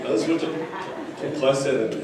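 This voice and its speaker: A man's voice: mid-range voice, quick pace, over a noisy crowd. A man preaching a sermon as pastor in a church, talking to the congregation in a chatty, joking way. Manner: conversational preaching with quips to the congregation. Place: church sanctuary. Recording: echoey hall, distant mic.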